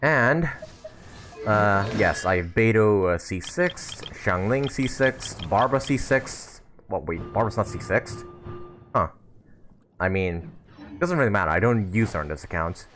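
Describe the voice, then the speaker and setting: A man hosts a casual game livestream, rambling and thinking aloud as he chats with viewers over game music. His voice is on the low side, animated, and unhurried.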